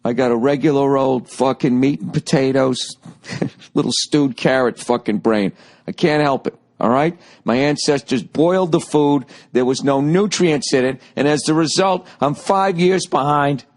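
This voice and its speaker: A podcast host in his forties with a Boston accent launches into a rambling, comic, sarcastic rant laced with profanity. His mid-range voice, at normal speed, is starting to get a little hoarse.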